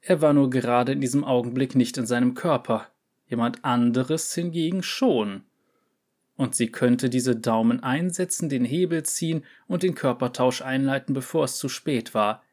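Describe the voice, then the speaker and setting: A man narrating a short story aloud in a calm, measured way. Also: medium pitch.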